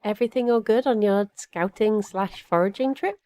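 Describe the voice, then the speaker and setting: Voicing a cheerful, chatty young witch with a tall, rabbit-eared druid companion, a woman rambles a bit hesitantly, eager to please, in an easygoing audio drama scene backed by music. She speaks at medium pitch and a moderate pace, mellow and only lightly acted.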